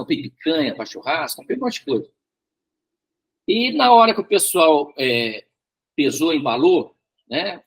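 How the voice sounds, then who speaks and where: Man, Bible study teacher, high voice, husky, chatty storytelling with repeated words. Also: fairly bright tone. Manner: repeats words, frequent tag questions.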